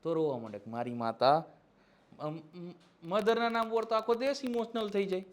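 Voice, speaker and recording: A male history lecturer with a fairly high voice, teaching an exam-prep class. He talks in a teasing, mocking way, slips satirical asides into the lesson and keeps asking for agreement. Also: moderate pace.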